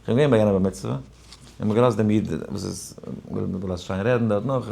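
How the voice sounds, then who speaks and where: A man who is a rabbi giving an informal Torah lesson, weaving in a personal story, animated and shifting between quiet asides and emphatic points. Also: fairly low pitch, fast, creaky, a little hiss or hum. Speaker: rabbi teaching a daily Torah class.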